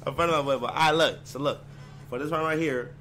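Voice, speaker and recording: A man's voice: fairly high pitch, steady tone, a little fast, over loud music. A man hosting a dating game on stream, giving orders in slang and repeating "bet" and "I'm saying.". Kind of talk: casual hosting over a group call. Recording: noisy stream call audio with hum.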